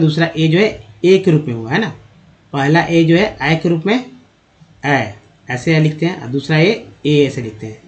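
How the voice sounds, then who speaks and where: Man, raised pitch, slow and deliberate as a spelling teacher. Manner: slow, syllable-by-syllable sounding out of words. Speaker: English teacher. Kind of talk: spelling and pronunciation lesson.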